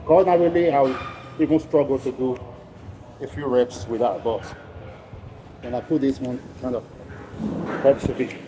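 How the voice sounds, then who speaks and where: A man's voice: medium pitch, fairly even intonation, moderate pace, pauses often, noisy background. A man who is a professional bodybuilder, chatting casually in gym bro slang. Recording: music playing behind.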